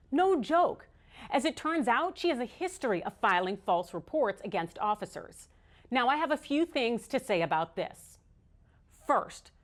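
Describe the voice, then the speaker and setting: Female American host for opinion news, slightly high voice, very animated intonation, emphatic and sardonic. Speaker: online news show host. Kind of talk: scripted opinion commentary.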